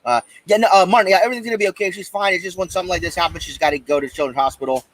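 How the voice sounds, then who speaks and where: A man's voice: high-pitched, very fast, a bit bright, no room sound, low-quality recording. Casual American man hosting a live stream. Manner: hesitant, rambling, informal. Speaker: podcast host. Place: outdoors in a backyard.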